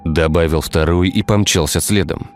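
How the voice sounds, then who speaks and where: A man narrating a dark village tale in a scripted storytelling style. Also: deep voice, moderate pace. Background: faint music.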